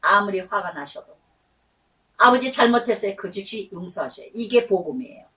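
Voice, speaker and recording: Lively woman pastor preaching a sermon. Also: medium pitch, distant mic, rough recording. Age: middle-aged. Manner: lively storytelling, acting out quoted voices; emphatic preaching with drawn-out words.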